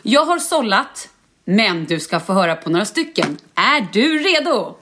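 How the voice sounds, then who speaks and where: A woman's voice: medium pitch, sing-song, sharp tone, a little hiss or hum. A woman hosting a podcast in casual chat, retelling a story and playfully acting out quoted messages. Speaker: podcast host.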